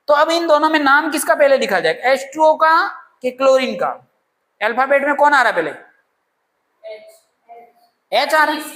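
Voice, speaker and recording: In this classroom chemistry lecture, the woman's high-pitched voice has a slight brightness. She asks her own questions and supplies the answers, illustrating points with everyday household examples and playful side comments.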